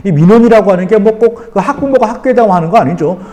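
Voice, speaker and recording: A man's voice: high voice, quick pace, mellow. A middle-aged man, a teacher hosting his own channel, talking bluntly in casual commentary with rhetorical questions and acted-out quotes. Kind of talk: casual spoken commentary to camera.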